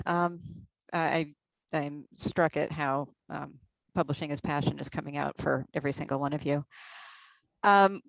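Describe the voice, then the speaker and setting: A woman moderating a panel discussion, courteous and measured, with some hesitant fillers. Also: low-pitched, no room sound, low-quality recording.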